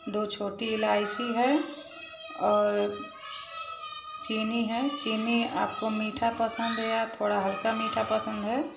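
A woman hosting a cooking channel, talking viewers calmly through a recipe step by step in a voice-over. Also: fairly high pitch, takes it slowly, creaky. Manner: calm step-by-step explaining, addresses viewers as friends. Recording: echoey room with music behind.

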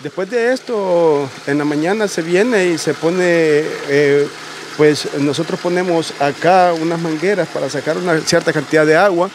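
A middle-aged man with a Salvadoran accent, plainly and haltingly explaining work as a guide, recorded outdoors. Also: fairly high pitch. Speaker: guide, indigo farm worker. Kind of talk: informal explanation in an interview. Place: outdoors on a rural hacienda. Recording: outdoor recording with faint background noise.

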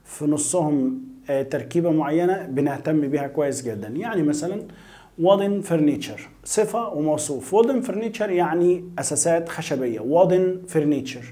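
A male English teacher with an Egyptian Arabic accent gives a vocabulary lesson. He says each English word several times, explains it in Arabic, and stretches out the definitions slowly. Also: on the high side, expressive, dark tone. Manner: slow, drawn-out pronunciation of definitions. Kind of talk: vocabulary lesson, repeating words for pupils to echo.

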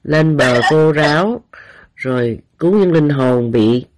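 Older woman, spiritual medium, gentle coaxing voice, soothing prayer talk, echoes back what she hears. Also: deep voice, animated, takes it slowly, slight background noise. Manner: gentle, repeats the child's words back, coaxing. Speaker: spiritual medium praying for the dead.

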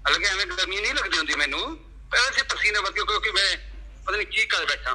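A man's voice: sits high, expressive, quick pace, sharp tone, slight background noise, poor audio. A middle-aged man telling a devotional story from his own life to a congregation, acting out what he and others said. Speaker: devotee sharing a satsang experience.

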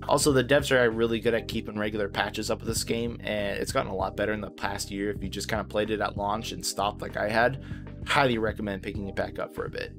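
A man narrating a casual video game guide as host, informal, easygoing and reassuring in how he talks. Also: on the low side.

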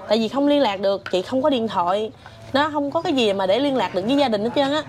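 A woman's voice: fairly high pitch, fast, a little hiss or hum. A woman, telling her family's story in casual chat. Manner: animated storytelling with laughs. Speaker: interviewee.

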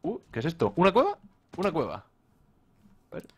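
A man's voice: fairly high pitch, wildly swooping pitch, normal speed, slightly rough. A man from Spain with a Spanish accent playing a co-op game, teasing his friends and laughing a lot. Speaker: co-op game player. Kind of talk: casual gaming chat.

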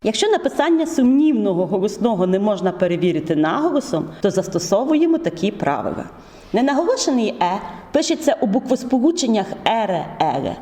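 A woman's voice: medium pitch, very animated, dark tone. Methodical woman teacher in an echoey room. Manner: measured, methodical, drawn-out words. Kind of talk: explaining spelling rules. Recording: echoey room with long reverb.

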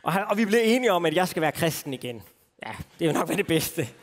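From a festival stage, a very animated man from Denmark shares a personal faith story as a sermon, his high voice ringing with long hall reverb. He keeps it informal and self-mocking, with plenty of fillers.

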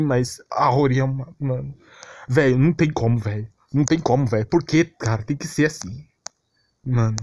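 With a voice on the high side and a dry recording, a young Brazilian man who comments on anime launches into a loose, slangy rant, griping in an exasperated manner without a script.

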